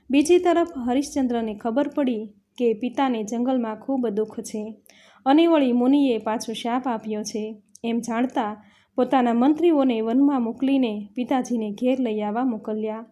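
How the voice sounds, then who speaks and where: Female storyteller for a religious reading, warm and somewhat high, steady measured delivery. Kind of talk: scripted devotional narration.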